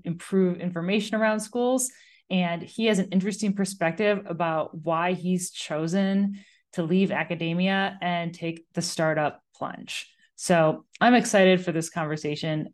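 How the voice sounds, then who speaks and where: A woman's voice: lowish voice, fairly even intonation, measured pace. A woman hosting an interview, introducing her guest and asking him friendly questions. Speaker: podcast host.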